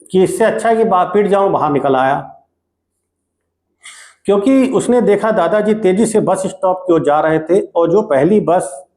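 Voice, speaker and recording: Male tutor, high voice, casual story retelling with check-ins, roomy echo. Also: a little mellow. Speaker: teacher. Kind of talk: retelling a textbook story as a lesson. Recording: echoey room.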